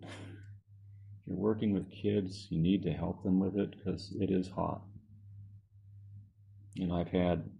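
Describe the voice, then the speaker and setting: A man's voice: low-pitched, fairly even intonation, takes it slowly, gravelly, pauses often, warm tone, breathy edge. A man casually narrating a hot-glue craft project, rambling and correcting himself as he works. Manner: rambling, self-correcting, chuckles at own jokes. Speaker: craft vlogger.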